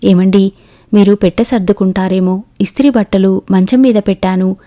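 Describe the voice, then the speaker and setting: A woman reading the lines of a young wife in an audiobook story, in a soft, mellow voice. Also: mid-range voice, fairly even intonation, moderate pace, natural voice. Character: young pregnant wife, cheerful then grief-stricken.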